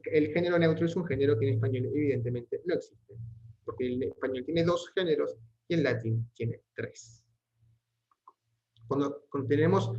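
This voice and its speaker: A man giving an online Latin lesson, explaining grammar patiently and reading Latin sentences aloud slowly. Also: on the high side, a little mellow, dull audio. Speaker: Latin teacher.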